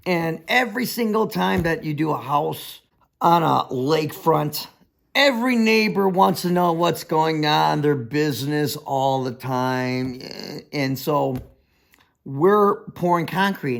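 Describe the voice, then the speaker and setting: A man's voice: on the high side, slow, vocal fry. A man who works as a foundation contractor, telling a story in a reality-show confessional as an exasperated ranter who acts out other people's voices.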